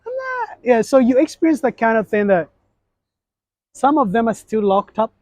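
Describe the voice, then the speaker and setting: A man's voice: very high voice, normal speed, dry recording. A middle-aged man from Uganda, a guest in a casual interview, telling stories animatedly and acting out what people said. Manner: animated storytelling, acts out voices.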